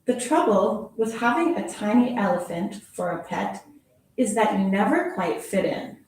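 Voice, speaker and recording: Brief: woman teacher reading picture books to kids, lively sing-song delivery, mellow tone, very echoey room, mic far off. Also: medium pitch, unhurried, slight background noise. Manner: expressive, playful storytelling with sound effects. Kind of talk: children's picture-book read-aloud.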